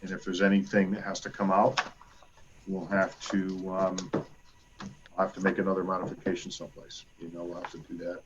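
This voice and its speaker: A man, the town supervisor, chairing a virtual board meeting. He is brisk with procedure and fills his explanations with ums and uhs. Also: deep voice, monotone, highs cut off, noisy background. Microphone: video call.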